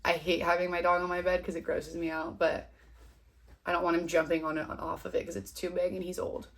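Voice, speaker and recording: In a low-quality recording, a twenty-something vlogger chats rambly to camera while doing her makeup at home, a little sniffly from a cold and joking at her own expense. Her lowish voice is creaky and a bit bright, delivered briskly and flatly.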